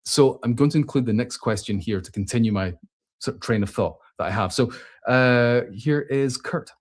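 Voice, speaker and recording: A man hosts a casual question-and-answer show in a mid-range voice at a moderate pace. He thinks aloud as he responds to comments, often restarting and using filler sounds.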